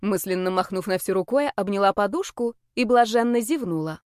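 Wry, lively woman reading an audiobook. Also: mid-range voice, brisk, dry recording, clean studio sound. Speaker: audiobook reader. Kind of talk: first-person audiobook narration.

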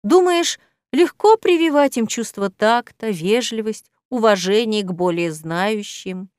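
A woman voicing a self-important male cat professor, fussy and quick to take offence, for an audiobook. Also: medium pitch, a little mellow, smooth, no echo, clean studio sound, close to an everyday voice. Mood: stern. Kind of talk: audiobook character voice.

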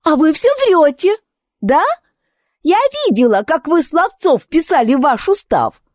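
A woman's voice: very animated, unhurried, darkish tone, dry recording, studio quality. A woman voicing Alice, a bold young girl who protests and argues in a storybook poem. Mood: accusing. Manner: high, protesting, argumentative.

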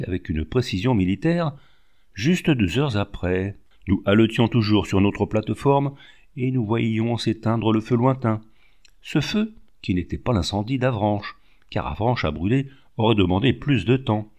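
Low-voiced man reading a novel aloud. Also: lively intonation, measured pace, darkish tone. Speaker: audiobook reader. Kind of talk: literary audiobook narration.

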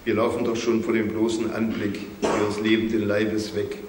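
A man voicing an old male jackal elder who pleads solemnly, in a measured, plaintive storybook reading. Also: on the low side, little pitch movement, natural voice. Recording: roomy recording with faint hiss.

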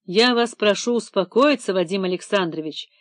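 A woman reading a composed young male police detective, measured and curt in an official way. The recording is dry and close, with nothing in the room. The tone stays calm and firm. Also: a little high, no echo, close to an everyday voice. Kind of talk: audiobook character reading.

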